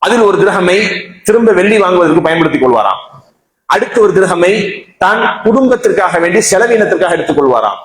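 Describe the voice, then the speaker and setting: A man's voice: sits high, big pitch swings, a little fast. A man with a Tamil Nadu accent giving a Friday sermon in a mosque, telling a story with repetition and emphatic peaks. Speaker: mosque preacher. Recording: echoey mosque hall.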